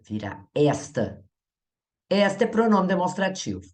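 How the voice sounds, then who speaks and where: A woman's voice: fairly low pitch, very animated, a little slow, a little mellow. A Brazilian woman teaching Portuguese grammar in an exam-prep lesson. She talks in a chatty way, asks the viewer questions and laughs at herself. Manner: upbeat viewer prompts.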